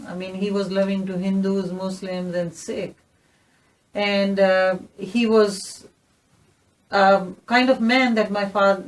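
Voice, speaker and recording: A woman in her fifties with a Pakistani accent, telling her story earnestly as an interview guest. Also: mid-range voice. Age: 50s. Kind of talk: recorded interview testimony. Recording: voice somewhat distant from the mic.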